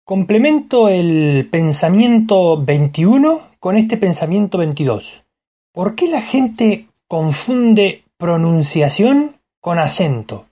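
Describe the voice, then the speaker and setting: Argentine-accented vlogger, animated and explanatory, friendly asides to the audience. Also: medium pitch, takes it slowly. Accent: Argentine Spanish. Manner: explanatory, addresses listeners as friends. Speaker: vlogger musing on language. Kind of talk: casual spoken reflection.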